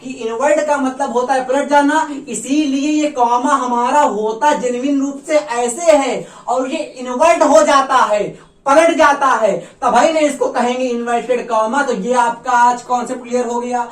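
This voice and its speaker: A woman teaching English to a room of students, with a fairly high voice. She drills each point again and again and coaxes the class along, calling them "child". She sounds far from the mic, in a room that echoes. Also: fairly even intonation, moderate pace. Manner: repetitive, coaxing, calls students "child". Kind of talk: classroom lecture.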